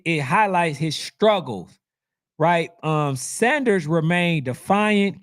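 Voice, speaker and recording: A youth football channel host speaks straight to his audience in a fairly high, hoarse voice, losing it as he goes. He comments on sports in an animated, preachy way and reads out comments along the way.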